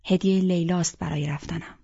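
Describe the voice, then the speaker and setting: A woman reading a first-person audiobook in a soft, intimate voice that often sinks to a half-whisper, on a dull lo-fi recording. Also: fairly low pitch, fairly even intonation, gravelly, slightly rough. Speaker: audiobook narrator. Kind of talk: first-person scripted narration.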